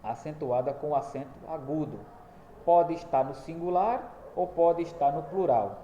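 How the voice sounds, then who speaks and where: A man teaching a recorded school lesson, explaining step by step and checking in with quick tag questions. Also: on the high side, lo-fi sound. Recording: echoey room with faint background noise.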